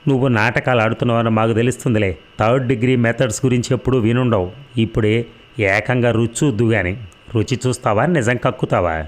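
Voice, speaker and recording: A man's voice: medium pitch, a little fast, lightly acted. Brief: brutal, mocking male cop interrogating a suspect, read by a man. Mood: taunting. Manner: taunting, threatening, sneering. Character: harsh, abusive male police interrogator.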